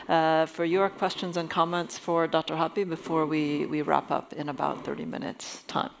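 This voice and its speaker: A woman hosts a fireside chat at a summit, her voice low and gravelly. She introduces things formally, with many fillers, and there is faint noise in the background. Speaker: moderator.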